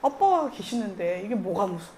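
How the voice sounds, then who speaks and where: A woman's voice: mid-range voice, sing-song, a little fast, warm tone, slight background noise. A woman pastor preaching a sermon to her congregation, earnest and storytelling, acting out quoted voices and laughing lightly with the people.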